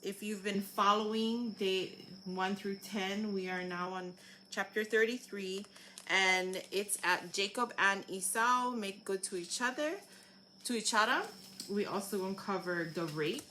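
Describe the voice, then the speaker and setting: Slow-talking woman with Hawaiian Pidgin accent. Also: mid-range voice, pushed and bright, slight background noise, low-quality recording. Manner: halting, informal reading with re-readings. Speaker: host reading aloud. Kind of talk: Hawaiian Pidgin Bible story reading.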